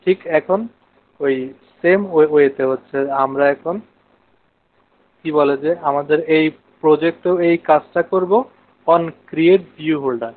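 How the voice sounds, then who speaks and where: With a fairly high voice, a measured pace and frequent pauses, a Bangladeshi-accented man teaches coding live online. He explains step by step, asks his students questions and mixes in English technical terms. The audio sounds narrow, like a phone line.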